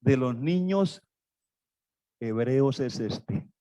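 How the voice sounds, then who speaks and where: A man's voice: mid-range voice, animated, drawn-out words, warm tone, no echo, dull audio. A man pastor preaching a sermon, emphatic and repetitive, speaking straight to his congregation.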